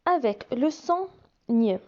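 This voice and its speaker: A woman teaching young children to read, sounding out each syllable slowly and repeating it. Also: a little high, lively intonation, darkish tone, dull audio. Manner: slow, deliberate, repeats and stretches each sound. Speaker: reading teacher. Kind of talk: slow phonics lesson for young children.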